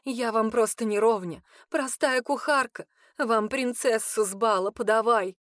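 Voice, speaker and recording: A woman voicing a young female cook, normally quiet, now sharp and indignant with hurt. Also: fairly high pitch, measured pace, no room sound, studio quality.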